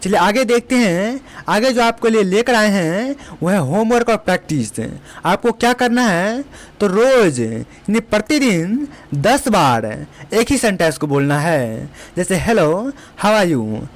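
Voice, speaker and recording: A spoken English teacher giving a beginner lesson, who says each example phrase slowly and repeats it before explaining it. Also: medium pitch, sing-song.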